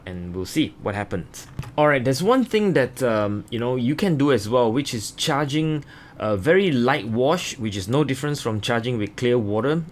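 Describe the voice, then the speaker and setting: A man's voice: mid-range voice, a little hiss or hum. A man giving a casual watercolor tutorial as an art instructor, explaining in an informal, hesitant, meandering way.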